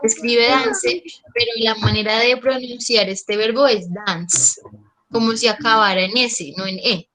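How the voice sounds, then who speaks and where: Teacher, woman, slightly high voice, patient step-by-step explainer who checks in often. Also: fairly even intonation, moderate pace, sharp tone, poor audio. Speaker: English teacher. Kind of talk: online class explanation.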